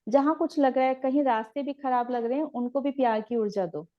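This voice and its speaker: A woman teaching meditation in a gentle, repetitive, instructive way. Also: sits high, fairly quick, muffled recording. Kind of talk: guided spiritual teaching.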